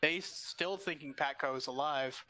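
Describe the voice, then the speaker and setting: A man giving excitable, quick play-by-play as a commentator on a team shooter match. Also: a little high. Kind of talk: casual esports commentary.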